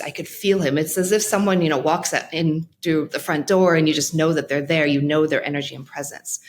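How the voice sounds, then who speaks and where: A woman with a low-pitched voice, appearing as an interview guest, describes a personal experience from her perspective as a mental health practitioner. Her delivery is reflective and halting, full of pauses and restarts.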